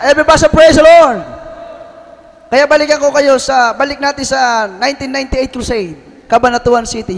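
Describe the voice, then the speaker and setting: Male preacher, very high-pitched, testimony sermon with shouted praise, reverberant church hall.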